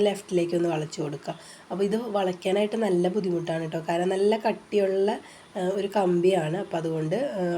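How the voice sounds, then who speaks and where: A woman's voice: fairly low pitch, dark tone, a little hiss or hum. A woman hosting a casual craft tutorial, explaining each step patiently and chattily with frequent filler sounds, her voice stuffy and congested from a cold. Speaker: craft channel host. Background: rain outside.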